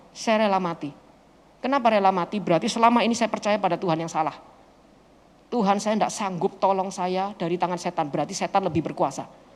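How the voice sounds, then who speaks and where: Man, pastor, lively expressive storytelling, high voice, long hall reverb. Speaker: pastor answering audience questions. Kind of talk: animated storytelling talk to a group.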